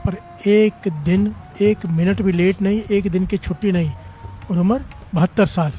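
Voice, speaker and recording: Man, high-pitched, preaching, leads chants, fervent, faint music underneath. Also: steady tone, unhurried, mellow. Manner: fervent call-and-response, urging the congregation to chant back. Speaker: preacher at a devotional gathering. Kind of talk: sermon.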